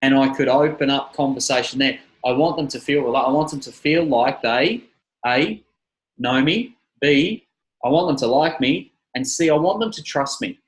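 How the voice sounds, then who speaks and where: A man who trains personal trainers, giving an energetic seminar talk and repeating his key phrases. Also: mid-range voice, moderate pace, low-quality recording.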